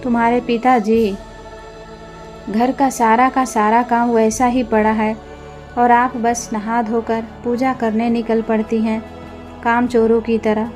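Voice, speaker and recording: Woman reading cruel young wife, scolding, taunting, level delivery, soft music underneath. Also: a little high, level tone, takes it slowly. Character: harsh bullying young wife, scornful and shouting.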